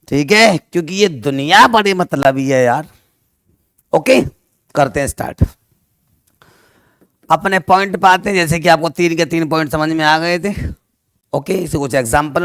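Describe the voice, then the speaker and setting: Male chemistry teacher, loud, somewhat high voice, crisp and clear, quizzes the class then answers himself, dry close sound. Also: dry recording. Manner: loud, asks students questions then answers them; affectionate, calls students "dear children". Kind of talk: online class, mixing languages.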